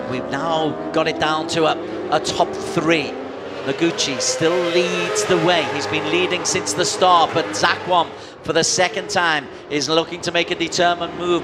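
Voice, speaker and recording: A man's voice: a little high, fairly even intonation, unhurried, very noisy. A man working as a motorsport commentator, calling a live motorcycle race with dramatic play-by-play.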